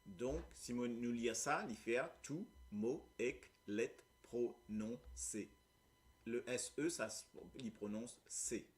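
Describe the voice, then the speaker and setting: Speaking slowly in a mid-range voice, a man with a Mauritian accent gives a live Creole lesson. He explains patiently and often checks that his listeners are following.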